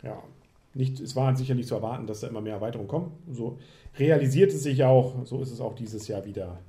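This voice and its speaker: A man's voice: mid-range voice, fast talker. A man hosting a board game podcast, chatting casually as he works through a list of new games. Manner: relaxed, going through a list of publishers. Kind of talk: casual chat.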